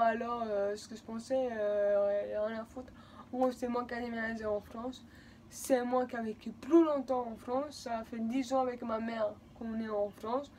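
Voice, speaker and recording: This fairly high, darkish female voice belongs to a vlogger in her twenties from Spain who speaks French with a Spanish accent, Spanish being her native tongue. She rambles through a personal story, repeating herself and getting emotional, over a little hiss or hum.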